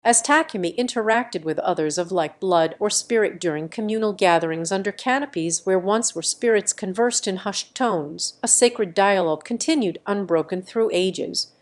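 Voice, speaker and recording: A woman narrating a bedtime story in a calm, slow and soothing way. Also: medium pitch.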